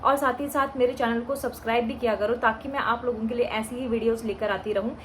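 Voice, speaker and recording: A woman with a high voice narrates a casual TV serial recap. She is chatty and talks to her viewers as friends, with a faint hum of noise behind her. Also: fairly even intonation, fast, a bit bright.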